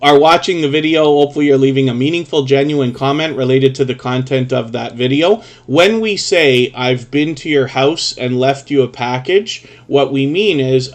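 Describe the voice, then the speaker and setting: Guy hosting a livestream, normal mid pitch, chatty, keeps going in long run-on explanations. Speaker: live stream host. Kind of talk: chatty live stream commentary.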